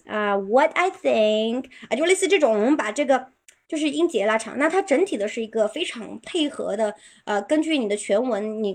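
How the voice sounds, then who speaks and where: A woman gives a live-stream lesson on English pronunciation, in a voice a little higher than usual. She explains patiently, with frequent drawn-out filler particles. She slows right down to model example sentences. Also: a little mellow.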